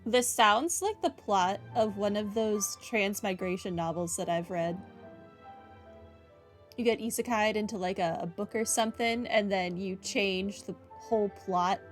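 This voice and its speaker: Her voice sits at a medium pitch and moves a little slowly, with soft music underneath. She's a playthrough host who reads game dialogue aloud and gives laid-back commentary full of sarcastic, wry asides.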